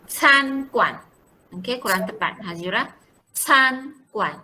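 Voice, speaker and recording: A woman teaching a Mandarin lesson, drilling pronunciation and repeating words slowly and clearly for her students. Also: mid-range voice, pushed and bright, poor audio.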